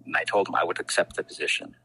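A man from the Navajo Nation, a former prosecutor, telling his story as an interview guest in an animated way and acting out what others said. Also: deep voice, racing, slight background noise, rough recording. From Navajo Nation, United States. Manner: animated, acts out quoted dialogue. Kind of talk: conversational storytelling.

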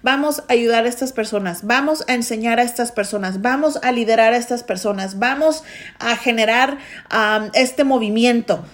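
Anfitriona de pódcast: mujer joven, voz un poco alta, habla con mucha intensidad y énfasis. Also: female voice, a little high, normal speed. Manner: intense and emphatic. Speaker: podcast host. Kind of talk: motivational podcast monologue.

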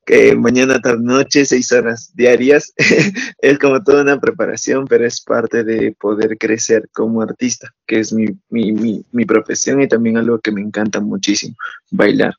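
A man's voice: medium pitch, steady tone, normal speed, vocal fry, breathy edge, dry recording, dull audio. A man in his twenties from Peru with a Peruvian Spanish accent, an enthusiastic guest who laughs often while chatting in an interview. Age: 20s. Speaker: guest dancer. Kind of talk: casual interview chat.

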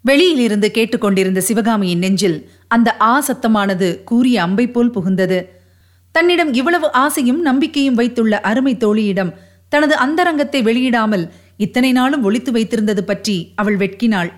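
A woman narrating a novel aloud in a measured, expressive reading. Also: a little high.

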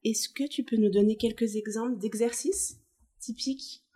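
A woman's voice: a little high, fairly even intonation, moderate pace, a crowd in the background. A woman interviewing a guest, asking questions and adding short encouraging responses. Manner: brief encouraging backchannels.

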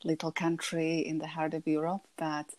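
A woman in her thirties with a Slovak accent speaks as a podcast guest. Her voice sits low and stays quite flat in pitch. She is soft-spoken and pauses often to find her words. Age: 30s. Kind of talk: conversational interview.

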